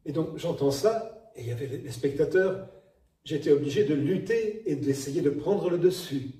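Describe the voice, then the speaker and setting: A man teaching poetry declamation, explaining technique in a demonstrative, animated way and breaking into examples. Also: fairly high pitch, normal speed. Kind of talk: spoken lesson on verse recitation. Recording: echoey room from a distance, faint noise.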